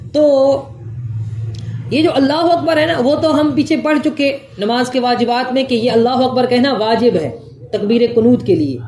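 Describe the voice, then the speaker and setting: A woman's voice: high voice, dark tone. A woman giving a religious jurisprudence lesson, going point by point and answering her own questions. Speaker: religious teacher.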